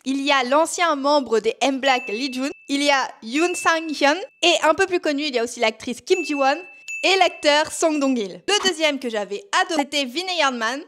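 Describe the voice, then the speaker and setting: A woman's voice: high-pitched, a bit bright, slight background noise. A young woman vlogger in casual chat, talking straight to her viewer. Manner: chatty, speaks directly to the viewer.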